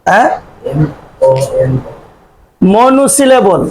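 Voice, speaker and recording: High-voiced man teaching a class. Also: extremely slow, low-quality recording. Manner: asks students questions and answers them himself, repeating key terms. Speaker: English teacher. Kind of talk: classroom lecture.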